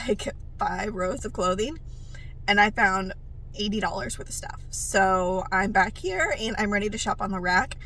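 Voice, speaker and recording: A woman's voice: medium pitch, fairly bright tone, slight background noise. A woman narrating a casual thrift vlog as a reseller, chatting and thinking aloud with frequent fillers. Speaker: reseller vlogger.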